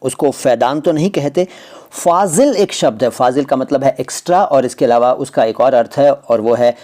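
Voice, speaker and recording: A man's voice: mid-range voice, normal speed, mellow. A man from India, a language teacher explaining how words are pronounced, arguing his point with repeated rhetorical questions. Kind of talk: explaining word pronunciation to camera.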